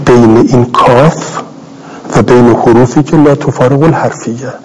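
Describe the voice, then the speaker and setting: With a medium pitch and darkish tone, a middle-aged cleric reads Arabic aloud and explains it in simple Persian during a scholarly commentary, repeating phrases so they're clear. The audio is poor, with slight background noise.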